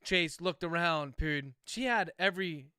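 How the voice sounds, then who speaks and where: A man reading story text aloud as dictation, speaking each comma and paragraph break in a steady cadence. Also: fairly high pitch, moderate pace, smooth, no room sound, clean studio sound. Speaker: narrator dictating a novel.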